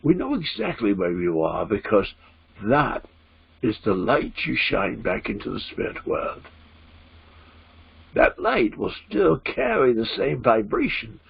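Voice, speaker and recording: A solemn spirit teacher, channeled by a man in trance, speaks in deliberate, halting phrases. The voice is gravelly and breathy-rough, rising and falling widely as it offers gentle, formal guidance. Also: mid-range voice, exaggerated voice. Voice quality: husky, creaky. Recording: dull, lo-fi sound.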